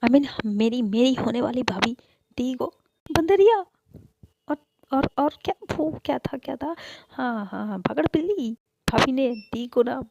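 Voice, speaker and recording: A woman doing a whiny, excitable younger brother. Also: high-pitched, measured pace, creaky, noisy background, full character voice. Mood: teasing. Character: playful pleading young man, younger brother.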